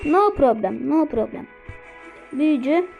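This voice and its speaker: High-voiced excitable woman gaming. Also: unhurried, creaky, faint music behind, rough recording. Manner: excitable, talks to herself while playing. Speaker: gameplay streamer. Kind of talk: live gameplay commentary.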